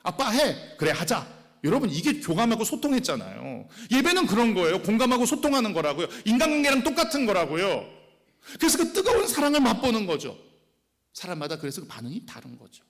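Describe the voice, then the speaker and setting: A male pastor in his forties preaches in a church with long reverb ringing behind his voice. His fairly high voice leaps up and down as he goes from exclamations to hushed whispers. He asks the congregation questions and acts out the people he quotes. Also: fast talker. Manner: animated, swings from loud exclamations to hushed whispers. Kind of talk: sermon. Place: church sanctuary.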